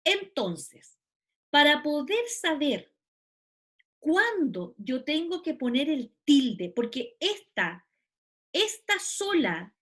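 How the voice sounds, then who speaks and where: A middle-aged woman lecturer with a high voice, speaking in a recorded online class. She explains patiently, step by step, and often pauses to check that her listeners follow. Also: fairly bright tone. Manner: explanatory, with frequent checking tags. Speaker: university lecturer.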